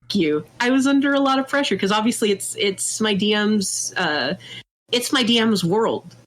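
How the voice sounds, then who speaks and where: Woman gushing about her d&d game, lively, laughs a lot, middle pitch. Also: moderate pace. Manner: animated, laughing, jumps into quoted voices. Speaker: podcast guest. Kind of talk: casual storytelling chat.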